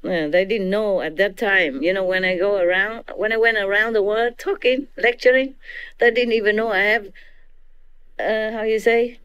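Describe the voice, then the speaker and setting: This spiritual teacher, a woman with a Vietnamese accent, offers an informal teaching to disciples, often laughing and checking in with them. Her mid-range voice is steady, clear, resonant, and a bit bright at a moderate pace, though the audio sounds dull.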